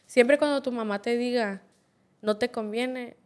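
A woman's voice: fairly high pitch, unhurried, a little mellow. A woman in her twenties with a Mexican accent, a podcast guest telling her own life story bluntly, full of slang and constant swearing. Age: 20s. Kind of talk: candid personal storytelling.

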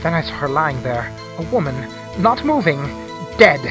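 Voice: medium pitch, big pitch swings, moderate pace, over music, natural voice. A performer with a woman's-sounding voice playing a shifty, wordy salesman giving theatrical testimony in a game fan dub. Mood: dramatic testimony.

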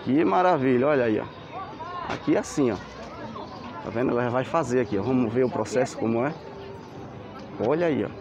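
This walking market-tour vlog features a man with a mid-range voice who speaks briskly and pauses often. He points things out at the outdoor stalls, excitedly crying "que maravilha," recorded on a handheld camera mic as he walks. A crowd murmurs behind him.

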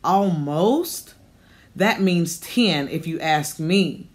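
A woman's voice: mid-range voice, expressive, natural voice. A woman voicing a stern, scolding old lady. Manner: slow, clipped and scolding. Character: stern, nosy woman of eighty-eight, disapproving.

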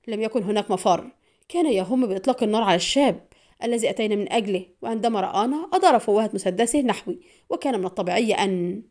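A woman's voice: medium pitch, expressive, rapid-fire, darkish tone, natural voice. A woman voicing a male agent who explains in a matter-of-fact way. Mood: calm.

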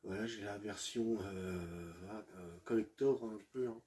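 A man's voice: lowish voice, moderate pace, dark tone. A man presenting his video game collection in a casual, hesitant way, with many fillers and restarts, addressing viewers as friends.

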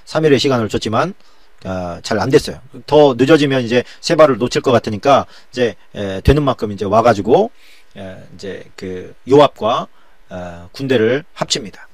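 A man's voice: mid-range voice, lively intonation, normal speed, dry recording. A male pastor teaching a Bible study lecture in a colloquial way, full of rhetorical questions.

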